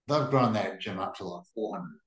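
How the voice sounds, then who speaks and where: A man's voice: lowish voice, normal speed, fairly bright tone, echoey room. A man with a broad New Zealand accent chatting casually about combat sports as a podcast co-host, in a blokey, sweary way. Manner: blokey, sweary, ends remarks with "eh".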